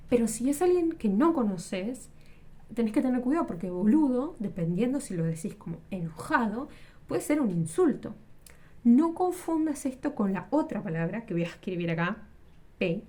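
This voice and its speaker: A woman gives a relaxed Spanish lesson, her voice mellow and warm at a middling pitch. She explains patiently with examples and often stops to rephrase or correct herself mid-sentence. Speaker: Spanish teacher.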